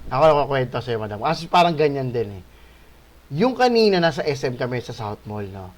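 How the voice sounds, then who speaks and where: A male host telling a spooky encounter in a casual, animated way, swearing and adding tag questions. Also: mid-range voice, brisk. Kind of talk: casual storytelling of a ghost encounter.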